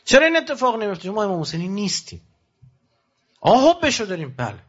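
A man's voice: huge pitch swings, husky, highs cut off. A man preaching a passionate sermon to pilgrims, asking rhetorical questions and swinging his voice sharply up and down. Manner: impassioned, rhetorical questions, sudden rises and drops in pitch.

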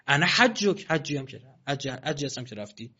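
A man giving a religious sermon in colloquial, animated speech with mocking asides. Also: medium pitch, breathy edge. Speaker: preacher. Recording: dull lo-fi recording.

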